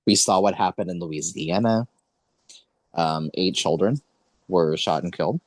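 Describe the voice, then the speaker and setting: A man's voice: low-pitched, unhurried, no room sound. Earnest rambling man hosting a podcast. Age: 20s. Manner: earnest, rambling, self-correcting. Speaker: podcast host. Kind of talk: casual podcast conversation.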